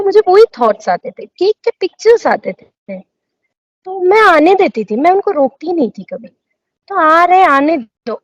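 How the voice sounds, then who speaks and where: A woman's voice: very high voice, no echo, dull audio. A woman, a dentist, talking earnestly in casual chat about meditation, mixing in English phrases.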